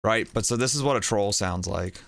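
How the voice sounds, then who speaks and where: A man's voice: fairly low pitch, a little fast, creaky, fairly bright tone, no echo. A young man streaming a game, chatting casually and rambling, getting distracted as he goes. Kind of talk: casual gaming chat.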